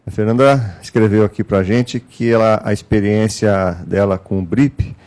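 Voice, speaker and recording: Um homem com sotaque brasileiro que modera uma reunião clínica online, com fala pausada e muitos "né?". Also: male voice, on the low side, steady tone, darkish tone. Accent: Brazilian Portuguese. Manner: measured, frequent "né?" tags. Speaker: meeting moderator. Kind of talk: online clinical case meeting.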